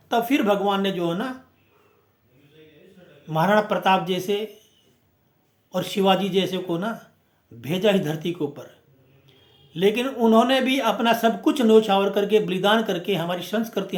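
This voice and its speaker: A man's voice: high voice, moderate pace, pauses often. A man giving an impassioned, emphatic speech as a movement speaker, full of rhetorical questions and repeated phrases. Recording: echoey room.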